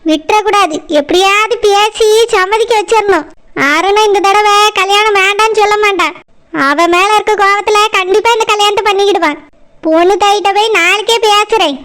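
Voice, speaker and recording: A woman's voice: very high-pitched, normal speed, fairly bright tone. A woman voicing a scheming, bossy older mother-in-law in a cartoon, speaking with a Kanyakumari Tamil accent and scolding as she plots. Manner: scolding, plotting aloud.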